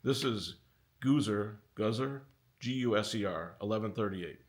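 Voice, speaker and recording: A middle-aged man hosting a casual commentary video, talking with animated exasperation that pushes his pitch up. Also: moderate pace. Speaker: audio company owner and video host.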